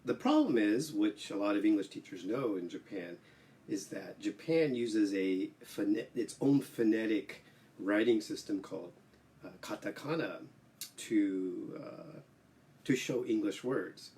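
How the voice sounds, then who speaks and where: Low-voiced man talking slightly off-mic. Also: measured pace, recorded from a distance. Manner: relaxed, many "uh" fillers, explanatory. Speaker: English teacher and host. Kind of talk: casual solo livestream talk.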